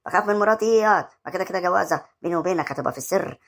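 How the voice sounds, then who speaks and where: A man's voice: high-pitched, lively intonation, creaky, fairly bright tone, exaggerated voice. A man voicing a boastful middle-aged village man with an Egyptian accent, who teases and swaggers. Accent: Egyptian Arabic. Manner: rapid, swaggering, teasing.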